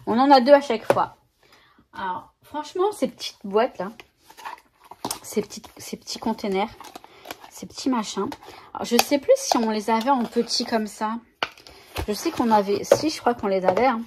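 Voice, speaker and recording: A woman's voice: fairly high pitch, normal speed, long pauses, background noise. A woman chatting casually to her viewers as a scrapbooking vlogger, showing new stickers and often correcting herself mid-sentence. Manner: chatty, self-correcting, talks to viewers while handling stickers. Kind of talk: casual haul video chat.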